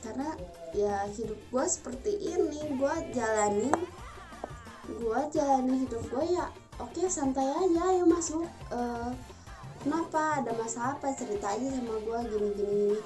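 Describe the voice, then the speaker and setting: Speaking to camera over background music, a 21-year-old woman from Bandung chats with her viewers in slangy, emphatic, casual fashion. She has a Sundanese Indonesian accent and a high-pitched voice at normal speed.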